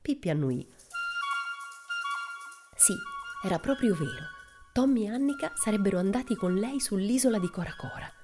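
A woman reading a children's storybook aloud as narrator, in a measured, expressive way. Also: medium pitch, over music. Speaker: audiobook narrator.

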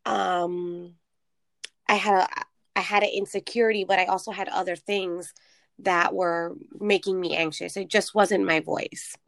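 A woman's voice: on the low side, steady tone, unhurried, creaky, a bit bright, dry recording, studio quality. A woman in her twenties co-hosting a podcast, chatting emphatically and repeating words to stress them. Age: 20s. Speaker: podcast co-host. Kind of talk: casual chat.

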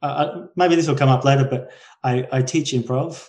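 A man's voice: mid-range voice, steady tone, moderate pace, a little mellow. A man in his forties with a Queensland Australian accent, chatting as an interview guest in a hesitant way, often circling back to rephrase himself. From Brisbane, Australia. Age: 40s. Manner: hesitant, frequent self-corrections and trailing thoughts. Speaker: podcast guest. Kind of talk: casual conversational interview.

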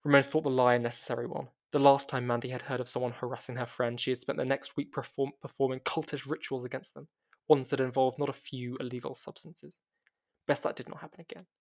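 Man calmly narrating a story. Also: medium pitch, fast, gravelly. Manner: steady reading with occasional restarts.

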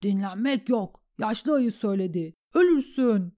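A woman doing a harsh, gruff young comrade. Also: mid-range voice, expressive, measured pace, dark tone, voice pushed up, natural voice. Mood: urgent. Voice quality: harsh, rough.

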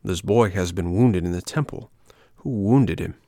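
A man's voice: low-pitched, normal speed, mellow, no room sound, studio quality. A man voicing stern soldiers who give curt commands in a storybook reading.

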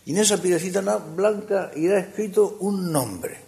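A man preaching a sermon. He swings between emphatic rises and hushed, soft passages. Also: high-pitched, moderate pace, vocal fry.

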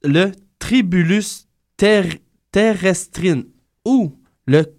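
A man's voice: sits high, very slow, a little mellow. A man with a Quebec French accent giving a radio food column, hesitating and tripping over long words. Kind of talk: radio banter.

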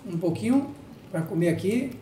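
A man hosting a live talk show, jovial and chatty, giving sponsor shout-outs. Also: high-pitched, animated, moderate pace, roomy sound, far from the mic, a loud crowd. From Brazil. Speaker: host.

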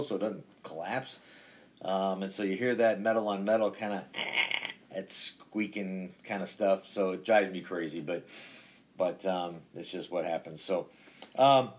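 Inside a metal church building, a man speaks as a pastor on a casual podcast, talking about his faith. His voice is low with a darkish tone, and his delivery is halting and conversational, often looping back to repeat phrases.

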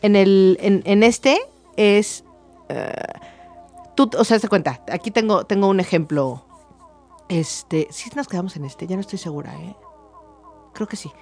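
A woman talks through ideas as a co-host, leaning on everyday examples. She restarts her sentences often and fills pauses as she thinks. Soft music plays faintly under her voice. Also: mid-range voice. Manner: explains with examples, many fillers and restarts. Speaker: therapist co-host. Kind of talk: casual explanatory chat.

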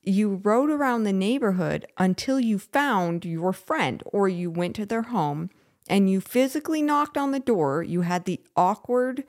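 A woman's voice: mid-range voice, expressive, a little slow, darkish tone. A woman around forty co-hosting a casual chat, playful and teasing. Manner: playful, laughs and teases. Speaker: podcast co-host.

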